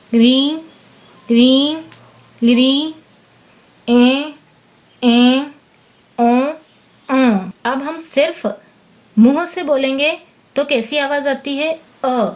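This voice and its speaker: Woman teacher, lesson explanation, slow deliberate pace, patient, sounds out letters one by one. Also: sits high. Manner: slow, patient, spells out each sound and translates word by word. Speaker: Sanskrit teacher. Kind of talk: classroom-style lesson explanation.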